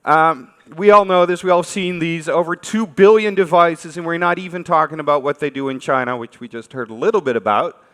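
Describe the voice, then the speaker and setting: A Dutch man from the Netherlands gives an informal talk in a large conference hall, chatting conversationally and asking his audience questions. His voice is fairly high, brisk and fairly bright. The stage recording carries a lot of hall reverb.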